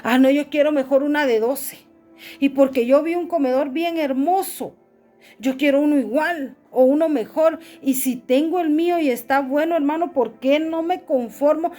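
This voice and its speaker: High-voiced woman pastor preaching. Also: normal speed, warm tone, soft background music. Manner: addresses listeners as "hermano", rhetorical questions. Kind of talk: sermon.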